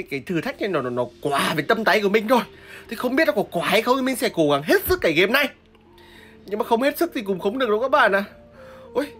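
A woman's voice: fairly high pitch, fairly bright tone. A woman giving live gameplay commentary, explaining her strategy and crying out and repeating words during fights. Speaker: gameplay streamer.

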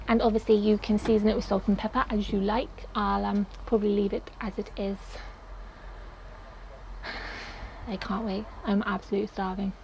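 A woman's voice: medium pitch, flat delivery, normal speed, vocal fry, a little mellow, a little hiss or hum, poor audio. A young woman casually talking through a recipe step by step as she cooks in a small potting shed kitchen, picked up by a camera mic a short way off. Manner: chatty, explains each step while cooking. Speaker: cooking vlogger. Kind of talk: casual cooking demonstration.

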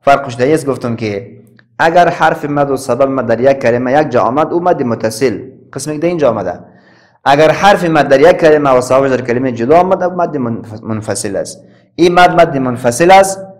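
A male teacher with an Afghan Dari accent leads a recitation lesson at a mid-range pitch. He drags out each letter and vowel sound, then chants the verse in a sing-song line. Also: animated. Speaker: Quran teacher.

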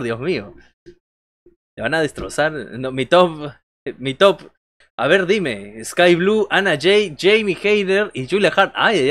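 Guy in his 30s livestreaming as a wrestling commentator, kinda high voice, jokey and chatty, dry room sound. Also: fairly bright tone, dry recording. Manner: joking, conversational, reacting to chat and calling moves. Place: small bedroom, indoors.

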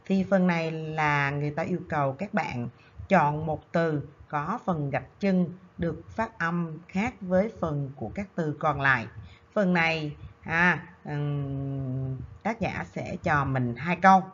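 A woman's voice: low-pitched, takes it slowly, muffled recording. A woman teacher from Vietnam giving a recorded revision lesson, explaining step by step with frequent hesitation fillers. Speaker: secondary school English teacher.

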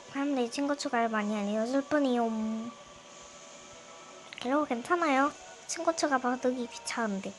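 A woman's voice: a little high, a little hiss or hum, rough recording. A woman hosting her own gameplay video with casual commentary, talking in a playful, cutesy way and often muttering or exclaiming to herself. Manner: cutesy, playful greetings with little singsong interjections; mutters and exclaims to self while playing.

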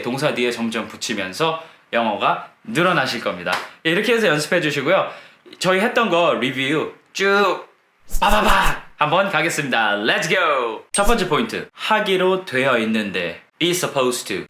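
A man teaching English in an animated, sing-song way, his voice bright and fairly high. He acts out example lines and drills short phrases slowly. The room is echoey. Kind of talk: lively video lesson.

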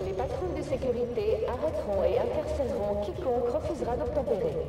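A woman voicing an official announcer who reads a curfew order through a public loudspeaker in a video game. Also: fairly high pitch, expressive, fast. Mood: stern.

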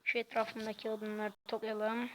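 A woman giving casual, quiet gameplay commentary in a soft, halting way. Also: fairly high pitch, monotone, slight background noise. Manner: talks quietly and softly; halting, hesitant delivery. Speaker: gaming channel host.

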